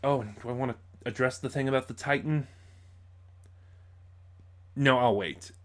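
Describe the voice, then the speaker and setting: A male host gives a relaxed spoken review, speaking haltingly as he stumbles over words and goes back to correct himself. His voice is medium in pitch.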